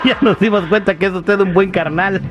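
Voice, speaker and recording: A man hosting a radio prank call, pushy and playful, talking fast over the line. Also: high-pitched, steady tone, heavy background noise. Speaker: radio host. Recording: muffled radio broadcast with music. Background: music.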